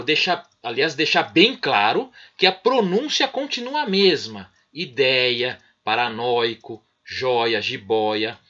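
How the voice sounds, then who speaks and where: A middle-aged Brazilian man teaches in an explanatory way, often checking that the listener is following. His bright voice has a husky edge, and his pitch rises and falls with lively swings. The recording sounds dull and lo-fi. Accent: Brazilian Portuguese. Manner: explanatory, frequent "né?" and "certinho?" check-ins. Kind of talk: recorded online micro-lesson.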